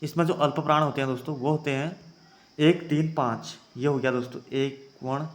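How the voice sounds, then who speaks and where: A man's voice: on the high side, fairly even intonation, a little fast. A young man teaching an exam-prep grammar lesson, calling his viewers friends and having them try each sound aloud. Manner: addresses viewers as friends, repeats points.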